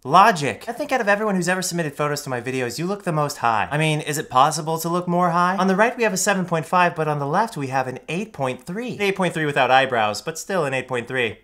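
Young man, sarcastic commentary, mocking deadpan jokes, slightly high bright voice. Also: fast, few pauses. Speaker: YouTube host rating viewer photos.

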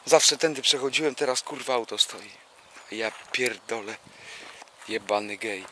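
Walking around a housing estate with a handheld camera, a young man records a meandering vlog, complaining and cursing nonstop. He speaks at a measured pace in a sharp, mid-range voice. The recording carries faint outdoor noise, and a dog is close by.

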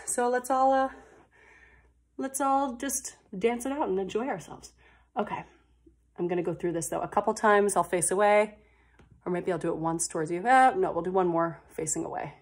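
A woman's voice: medium pitch, darkish tone. Woman dance instructor, counts steps in rhythm between chatty asides; roomy echo. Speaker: dance teacher. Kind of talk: counting through a dance combination. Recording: echoey room.

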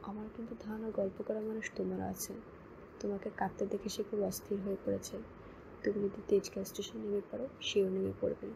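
A woman voicing a kindly young woman who speaks softly and gently to calm a girl. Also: a little high, brisk, noisy background, natural voice. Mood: gentle. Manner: soft, gentle, near-whispering.

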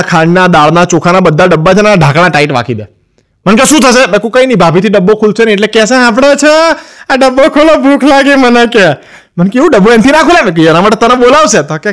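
A man with a Gujarati accent from Ahmedabad, telling jokes as a stand-up comedian and acting out the quoted wives and husbands in raised voices. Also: high-pitched. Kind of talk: Gujarati joke telling to camera.

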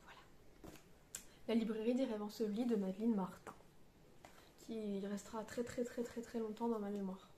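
A woman's voice: medium pitch, steady tone, moderate pace, long pauses, warm tone, reverberant, slight background noise. A woman reviewing a novel in a casual book vlog, hesitant and searching for her words, with many fillers and restarts. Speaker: book vlogger. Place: on a beach.

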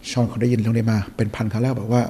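With a level, medium-pitched voice that's warm with a breathy edge, this man talks very fast. As a podcast guest in a motivational conversation, he preaches emphatically and keeps repeating his key points.

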